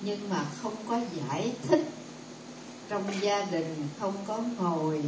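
A woman's voice: on the low side, noisy background. Earnest woman speaking from far off. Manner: deferential, earnest, rambling. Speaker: audience member giving her view. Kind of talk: speaking up at a temple discussion. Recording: distant voice in an echoey hall.

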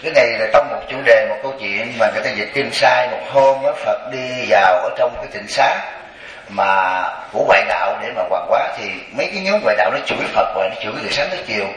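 A man's voice: medium pitch, lively intonation, fast talker, fairly bright tone. A man, a Buddhist monk teaching and joking with a visitor. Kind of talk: dharma talk. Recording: echoey hall, distant mic.

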